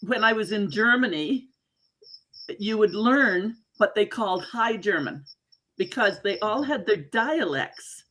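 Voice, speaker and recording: Interview host: woman, mid-range voice, conversational, expressive, given to exclaiming and paraphrasing. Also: medium pitch, a little slow, poor audio.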